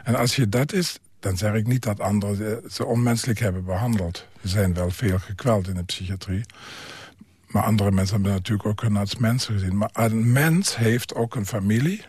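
Older man, low husky voice, halting. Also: darkish tone, no room sound. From Germany. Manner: hesitant, halting with many pauses and fillers. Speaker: psychiatric care worker and author. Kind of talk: radio interview.

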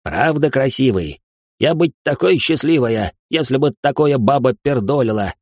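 Guy putting on a jolly jungle translator, broken grammar, higher pitched, pretty loud, dry sound. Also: animated, normal speed, no echo. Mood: eager.

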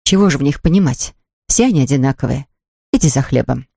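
A woman's voice: very deep voice, animated, fast talker, gravelly, dark tone, husky, no room sound, studio quality, full character voice. A woman voicing a no-nonsense mother who scolds her son in a firm tone. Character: no-nonsense mother of a young boy.

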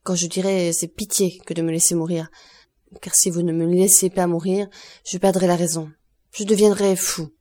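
A woman's voice: fairly low pitch, little pitch movement, moderate pace, warm tone, natural voice. A woman reading the lines of an anguished young man, desperate and furious, with passionate, pleading outbursts. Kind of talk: audiobook reading of a novel.

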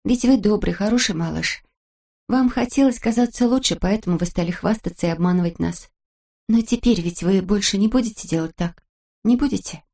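A woman voicing a kind little girl who speaks softly and coaxingly, as in a storybook. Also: medium pitch, a little fast, natural voice. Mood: gentle. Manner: soft, coaxing and affectionate. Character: gentle, kind little girl comforting a friend.

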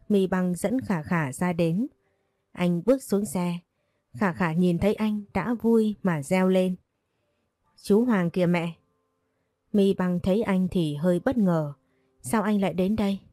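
A woman narrating a romance story as an audiobook, reading every role herself in an even storytelling manner. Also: fairly low pitch, measured pace, no room sound, clean studio sound. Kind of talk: scripted audiobook narration reading all roles.

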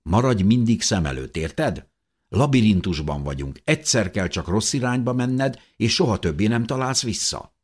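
A man's voice: on the low side, animated, breathy edge, voice pushed up. A man voicing a firm, protective mother. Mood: stern. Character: grown woman, caring but firm mother.

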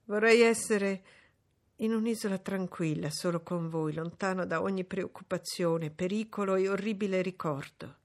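A woman voicing a brooding, troubled middle-aged gentleman in an audiobook, speaking low and grave. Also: normal speed, lightly acted. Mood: grave, shaken. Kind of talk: audiobook reading.

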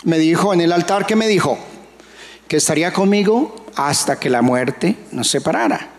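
A Colombian man preaches in a church hall, his high voice edged with gravel. He presses the congregation with emphatic rhetorical questions. A long reverb trails behind each phrase. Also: expressive, moderate pace. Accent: Colombian Spanish. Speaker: pastor. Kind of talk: sermon.

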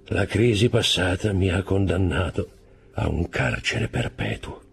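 A frail old prisoner priest, voiced by a male reader, speaking in a rough, husky voice. He drops slow and quiet, almost breathless, and his words keep stumbling as his strength fades. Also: sits low, faint music behind, heavily acted. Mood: faint, resigned. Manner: weak, trembling, breaking off mid-word.

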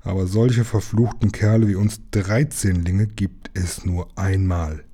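A man voicing a boastful, loud pirate captain with a rough voice, reading a storybook aloud. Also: deep voice, steady tone, unhurried. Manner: bellowing, commanding.

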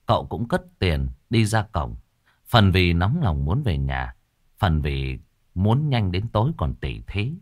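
A man narrating a ghost story in a dramatic, expressive way. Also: low voice, slow pace, no echo, studio quality.

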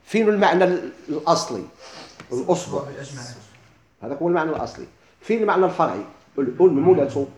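Fast-talking Moroccan teacher quizzing his class. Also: a little high, animated, a little mellow, a little hiss or hum. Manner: asks the class questions and answers them himself. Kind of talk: lesson on classical Arabic rhetoric.

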